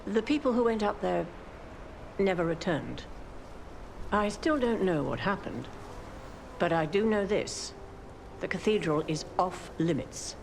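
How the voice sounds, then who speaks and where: An actress playing a weary, guilt-ridden woman guarding a forbidden path in a game, grave and resigned, with a creaky voice. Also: on the low side, expressive, unhurried, pauses often, darkish tone. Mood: grave, guarded. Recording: game audio with background noise.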